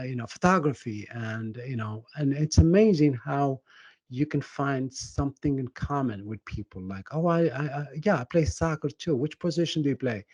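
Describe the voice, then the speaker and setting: A middle-aged man from Morocco with a Moroccan accent, giving a webinar talk as a project management coach in an earnest, halting way full of fillers and restarts. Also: medium pitch, a little mellow, no echo, dull audio. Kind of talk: webinar presentation.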